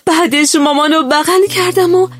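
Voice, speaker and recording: A woman narrating a first-person children's story in a gentle, steady way. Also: very high voice, music in the background.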